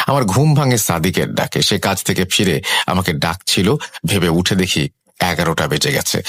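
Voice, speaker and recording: Low-voiced man narrating a horror story. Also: dry recording. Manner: expressive, suspenseful.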